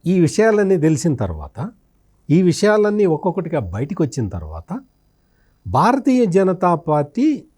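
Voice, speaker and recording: Speaking at a moderate pace in a high-pitched, darkish voice with huge pitch swings, this man offers political analysis as a journalist in an interview. He is emphatic and explanatory, asking and answering his own questions and repeating phrases.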